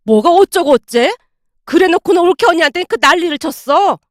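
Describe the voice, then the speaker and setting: A woman's voice: high-pitched, lively intonation, brisk, no echo, studio quality. A woman voicing an older mother-in-law who scolds her daughter sharply. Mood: scolding.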